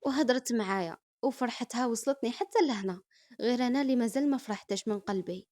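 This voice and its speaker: Young Algerian woman narrator, quick lively first-person storytelling, slightly high voice. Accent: Algerian Arabic. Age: young adult.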